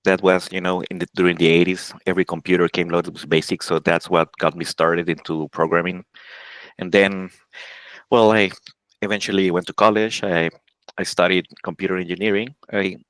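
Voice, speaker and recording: Man from Honduras, forties, game programmer interview guest, halting with restarts, lowish voice, dry close sound. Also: fairly even intonation, fairly bright tone, no room sound, rough recording. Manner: halting, many restarts and self-corrections, laughs often. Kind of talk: casual interview answers.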